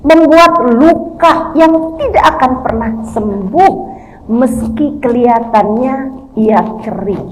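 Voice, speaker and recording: A woman in her forties from Indonesia, an Islamic preacher giving a sermon to women, telling stories in a lively way and acting out what a husband and a wife say. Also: a little high, slow pace, slight background noise, low-quality recording. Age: 40s. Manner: lively storytelling, acts out voices of husband and wife.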